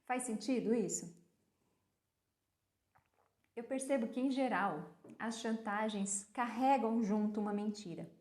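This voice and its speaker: A woman's voice: a little high, measured pace, pauses often, reverberant. A woman talking casually on a live stream about raising children, often asking questions and answering them herself. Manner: explains with rhetorical questions and answers; acts out gentle talks with a child. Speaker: parenting educator.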